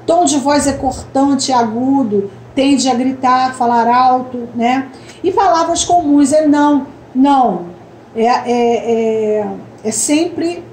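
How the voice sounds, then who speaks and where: Woman coach, high voice, explains things step by step with lots of little check-ins, kinda echoey room, faint hiss. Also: a little mellow. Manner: explanatory, frequent tag questions. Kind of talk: online coaching lesson.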